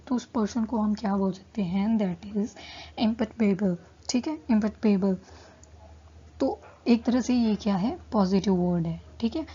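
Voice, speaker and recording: Mellow, husky woman teaching vocabulary. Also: mid-range voice, highs cut off. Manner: repeats "theek hai" as a check-in, stretches key English words slowly. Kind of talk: casual Hindi-English teaching.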